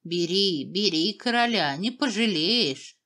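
A scheming, crafty royal advisor who coaxes and giggles, voiced by a woman reading a children's storybook. His bright voice slides up and down as he wheedles. He sounds sneaky and self-serving. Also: medium pitch, lively intonation, slow pace, heavily acted. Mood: wheedling. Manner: wheedling, giggling, hoarse when angry. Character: sly scheming male royal advisor, adult.

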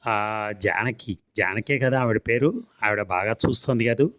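A man's voice: lowish voice, a little slow, a bit bright, dry recording. A man reading a storybook serial, voicing a charming, manipulative village landlord who laughs things off. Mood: coaxing. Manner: smooth, coaxing, laughs things off.

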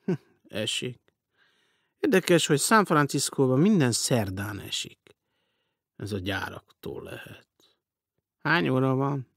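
A man voicing a dry, sarcastic, demanding gray-haired man in an audiobook, with a gravelly voice. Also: medium pitch, expressive, dry recording, voice pushed up, close to an everyday voice. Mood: sardonic. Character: sardonic gray-haired man claiming to be dead. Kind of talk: audiobook character voice.

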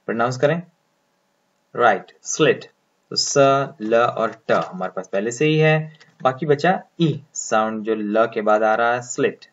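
A man's voice: medium pitch, fairly bright tone, muffled recording. A man giving a phonetics lesson, patiently explaining each word step by step and asking the listener to repeat after him. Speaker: English pronunciation teacher. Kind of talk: phonetics lesson with transcription drills.

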